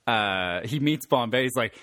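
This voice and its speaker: A man chatting loosely on a podcast, rambling and breaking into laughs. His pitch moves a lot, and the sound is dry and close. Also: animated, moderate pace, a bit bright, dry recording. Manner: rambling, self-interrupting, laughs often. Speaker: podcast co-host. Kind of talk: casual chat.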